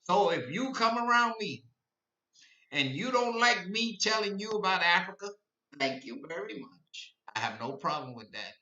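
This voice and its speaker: Man in his eighties, live-stream podcast monologue, rambling and impassioned, piercing bright tone, echoey distant lo-fi sound. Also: high voice, big pitch swings, moderate pace. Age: 80s. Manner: rambling, repeats himself, grows impassioned. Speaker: podcast host.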